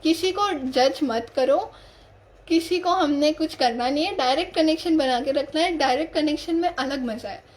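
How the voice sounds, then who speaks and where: Young woman, high voice, earnest casual devotional talk, keeps repeating herself. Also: normal speed. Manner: earnest, repetitive, conversational preaching with restarts. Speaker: satsang speaker. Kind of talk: devotional talk on a live stream.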